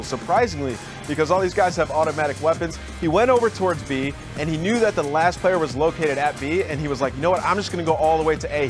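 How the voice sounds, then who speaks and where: An energetic man calling play-by-play on a game broadcast, recounting each play with a storyteller's drive. His voice sits a little high, and a strong music bed plays under him. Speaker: esports caster. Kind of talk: play-by-play commentary.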